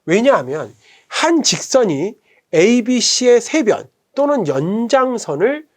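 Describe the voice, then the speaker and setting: A middle-aged man, head of a tutoring academy, giving a whiteboard math lesson and patiently repeating each term slowly. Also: extremely high pitch, sing-song. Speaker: academy director teaching math.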